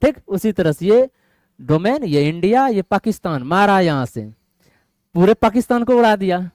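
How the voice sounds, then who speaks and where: A man's voice: sits high, animated, normal speed, a little mellow, dry recording, clean studio sound. A male math teacher lecturing a classroom of students, often quizzing them and asking if they follow. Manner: quizzes students, keeps asking "getting my point?".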